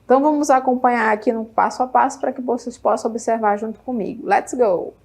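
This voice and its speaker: Encouraging Brazilian woman teaching English. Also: a little high. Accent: Brazilian Portuguese. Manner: lively and encouraging, checks in with "tá?" and "ok?"; says English words slowly and clearly for students to follow. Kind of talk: televised classroom lesson.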